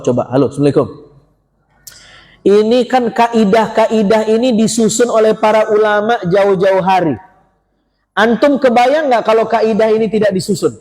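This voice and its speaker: A man's voice: high-pitched, normal speed, darkish tone. A male preacher giving a casual, joking mosque sermon and often questioning his audience. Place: mosque hall. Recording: long reverb of a mosque hall.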